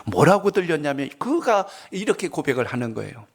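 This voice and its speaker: A man's voice: a little high, big pitch swings, fairly quick. A male pastor preaching a sermon at a prayer service, telling stories and asking the congregation questions. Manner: conversational storytelling, asks the congregation questions.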